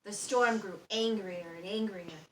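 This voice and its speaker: Reading a children's story with expression, this woman throws in sound effects and questions for her audience. She speaks in a mid-range voice at a measured pace. The sound is roomy, recorded from a distant mic with faint background noise.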